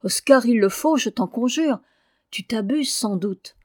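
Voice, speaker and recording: A woman's voice: mid-range voice, takes it slowly, no echo, studio quality. A woman reading aloud and voicing a desperate man who pleads with a friend in urgent, commanding tones.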